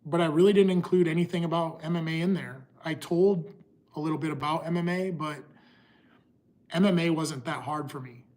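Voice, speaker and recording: A middle-aged man talking casually to his livestream viewers, pausing and restarting often. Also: on the high side, fairly even intonation, a little mellow. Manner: halting, restarts often, talks to chat. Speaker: livestream host.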